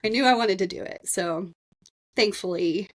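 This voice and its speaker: A woman's voice: medium pitch, moderate pace. A woman in her thirties hosting a podcast, telling her own story in a casual, earnest and emotional way, speaking straight to her listeners. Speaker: podcast host.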